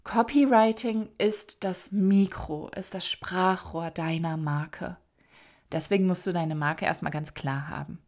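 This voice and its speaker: A woman's voice: fairly low pitch, unhurried, darkish tone. A middle-aged German woman hosting a solo podcast, talking in an emphatic, direct way. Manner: emphatic, direct, acts out quoted voices. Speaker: podcast host, copywriter.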